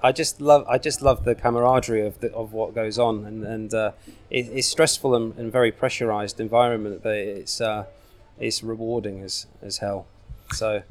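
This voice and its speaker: A man's voice: on the low side, fairly even intonation, moderate pace, hardly any pauses. Chatty man in his forties. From United Kingdom. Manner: chatty, laid-back, many fillers. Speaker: guest. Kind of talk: casual podcast interview.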